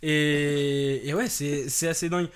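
A man's voice: fairly high pitch, steady tone, measured pace, clear, resonant tone. A young man hosting a live stream talk show, hesitant, thanking viewers and laughing between remarks. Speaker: host.

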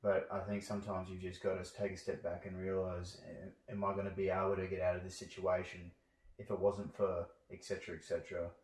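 Low, flat-voiced male host in an echoey room. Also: a little fast. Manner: casual, affirming. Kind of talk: casual interview chat. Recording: echoey room, distant mic.

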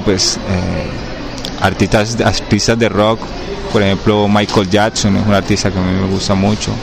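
Being interviewed casually, this young Cali rapper halts, restarts and fills his answers with fillers, repeatedly checking with "me entendés?". He has a lowish voice and a Cali accent from Cali, Colombia. Vehicles pass amid the street noise behind him.

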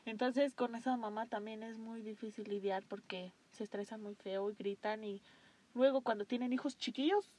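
Chatty woman, fairly high. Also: steady tone, normal speed, darkish tone, husky. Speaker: co-host. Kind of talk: casual chat.

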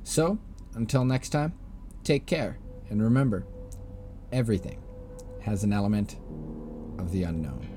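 A man's voice: fairly low pitch, animated, a little slow, pauses often, background noise. A man hosting a casual podcast, chatting and joking with frequent restarts. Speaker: podcast host. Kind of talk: casual chat.

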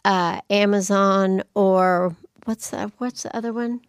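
A woman's voice: mid-range voice, steady tone, slow pace, clean tone, no echo, studio quality. A woman co-hosting a self-care podcast, reading topics aloud and chatting in a rambling way with asides. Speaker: podcast co-host. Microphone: studio microphone.

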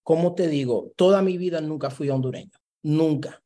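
Warm and fairly high-pitched, this man talks at a moderate pace as an academic interview guest. Originally from Brooklyn, New York, he has a Puerto Rican-influenced Spanish accent, drops English into his Spanish, and tags many phrases with "¿verdad?" as he reflects on his answers.

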